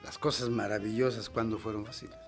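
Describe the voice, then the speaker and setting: A man's voice: on the low side, steady tone, fast, faint music behind. A middle-aged man hosting a poetry program, talking in a reflective, hesitant way with many repeated words and fillers. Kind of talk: slow, reflective talk on poetry.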